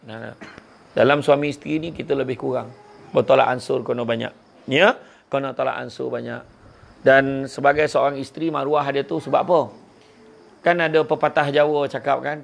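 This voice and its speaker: A man's voice: a little high, gravelly. A man with a Malaysian Malay accent giving a humorous religious talk to a family gathering, teasing the people around him as he speaks. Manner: joking and teasing the audience.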